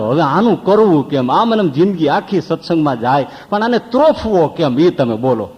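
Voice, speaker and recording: A monk preaches in a fairly high voice, telling stories and asking his listeners rhetorical questions. His voice carries a long hall reverb. The recording sounds dull and lo-fi. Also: husky. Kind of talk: sermon.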